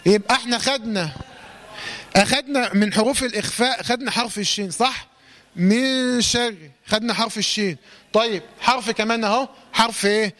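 A man with an Egyptian accent teaching Quran recitation rules, quizzing students, correcting them and reciting verse fragments slowly. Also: high-pitched, fairly bright tone. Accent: Egyptian Arabic. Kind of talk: tajweed lesson, call-and-response drilling.

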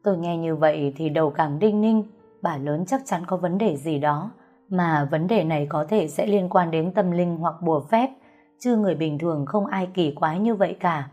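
A woman telling a ghost story in the first person, in a steady, plain storytelling manner. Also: lowish voice, moderate pace. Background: faint music.

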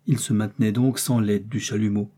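A man narrating a classic adventure novel in a measured, dramatic storytelling voice. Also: fairly low pitch, steady tone, warm tone, husky. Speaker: audiobook narrator. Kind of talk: scripted narration.

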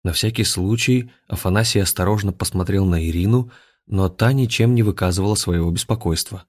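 A man reading a storybook aloud in an even, measured way. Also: low voice, dry recording, studio quality. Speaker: audiobook narrator. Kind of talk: scripted storybook narration.

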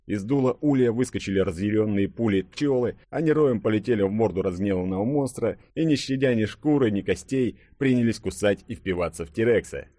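Male audiobook narrator, lowish voice, dry close recording, lively storytelling. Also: a little fast, few pauses, no echo. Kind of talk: scripted narration.

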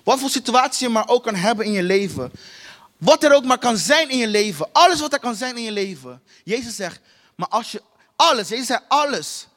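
High-voiced man preaching in a reverberant hall. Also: animated, a little fast, fairly bright tone. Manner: repetitive, emphatic, rhetorical questions to the congregation. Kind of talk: sermon.

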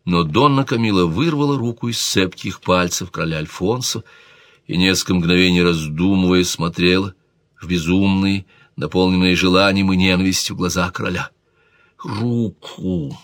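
Low-voiced male storyteller. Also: moderate pace, no echo. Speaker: narrator. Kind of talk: audiobook reading of a historical romance.

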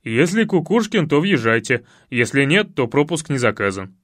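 A man's voice: medium pitch, big pitch swings, normal speed, fairly bright tone, no echo, clean studio sound. A man voicing a bored, blunt young security guard in an audiobook, curt and officious. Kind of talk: audiobook character voice.

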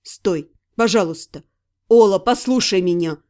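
A woman voicing a tender, protective male necromancer in an audiobook, speaking low, soft and soothing. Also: a little slow, close to an everyday voice. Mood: gentle, soothing.

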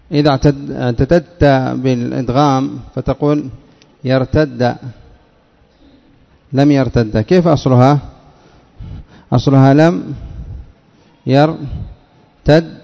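A man's voice: mid-range voice, creaky, warm tone, big-room sound, highs cut off. A man, a sheikh, teaching a classroom lesson on Arabic morphology, stretching out key words and quizzing his listeners with short questions.

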